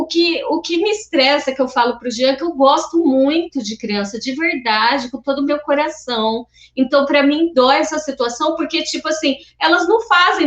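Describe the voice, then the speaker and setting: A woman's voice: high voice, fairly bright tone, muffled recording. Emotional storytelling woman, echoey. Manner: storytelling, acts out quoted voices, emotional. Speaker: church group member sharing. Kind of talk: casual testimony in an online meeting. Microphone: video call.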